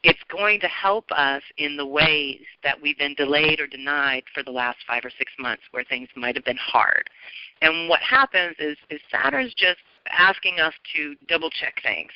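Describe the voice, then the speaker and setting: An earnest woman astrologer talks through a forecast in an encouraging way, circling back to repeat key phrases. The recording is muffled and lo-fi, with a dry sound and no room echo. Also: deep voice.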